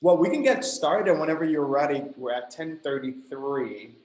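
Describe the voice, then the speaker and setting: A man's voice: on the high side, expressive, moderate pace, a little mellow. A man coordinating an online class, chatting in an upbeat way and laughing easily on a video call. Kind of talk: casual chat. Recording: echoey room.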